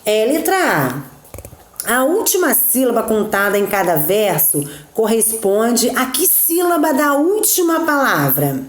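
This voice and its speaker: A woman teaches a lesson in a slow, unhurried way, counting syllables aloud one at a time. She keeps checking that her students are following along. Her voice carries a roomy echo. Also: on the high side, very animated. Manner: slow and patient, checking in with frequent "tá?" and "né?". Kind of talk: recorded remote class, going through textbook exercises.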